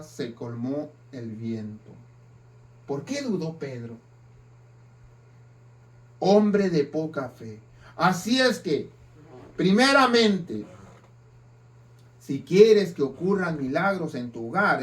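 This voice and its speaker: High-voiced preacher, slow sermon. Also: male voice. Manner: emphatic preaching with dramatic swings in loudness. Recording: distant mic.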